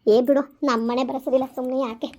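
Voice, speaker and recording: A woman playing a young wife who complains rapidly and indignantly to her husband about his mother, in a village comedy skit. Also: sits high, steady tone, a little mellow. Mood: hurt. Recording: slightly dull lo-fi recording.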